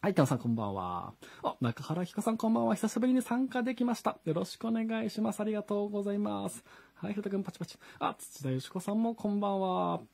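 A singer-songwriter hosts a live stream from his home studio, chatting casually with online viewers, greeting them by name and reading their comments aloud. His voice is high-pitched and expressive, with a quick pace, some creak, and a darkish tone.

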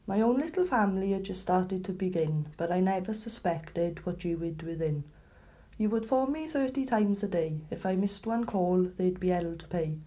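A woman's voice: mid-range voice, dark tone. Woman reading a personal poem. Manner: earnest, direct address to a former partner. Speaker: storyteller telling her own story.

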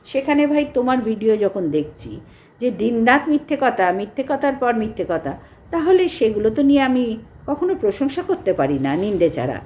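A woman vlogger giving an indignant critical commentary, repeating her points with emphasis. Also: a little hiss or hum. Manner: indignant, repetitive, lively pitch swings.

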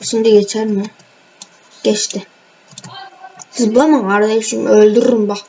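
A young woman casually commentates her gameplay for her channel, chatty and teasing toward opponents while speaking to viewers. Medium-pitched, level and mellow, she talks a little slowly. Audio is from a screen-recorded voice mic, dull and lo-fi with faint noise.

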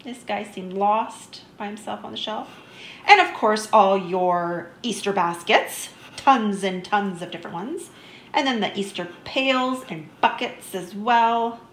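A woman's voice: mid-range voice, measured pace, reverberant. A woman narrating a shopping vlog in a chatty, easygoing way, enthusiastic about small finds. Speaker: vlogger. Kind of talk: shop-with-me voice-over narration.

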